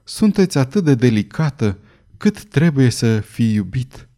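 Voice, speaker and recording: A man's voice: mid-range voice, very animated, warm tone, close to an everyday voice. A man voicing a devoted young woman who soothes her troubled lover, in an audiobook reading. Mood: grateful. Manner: soothing, tender.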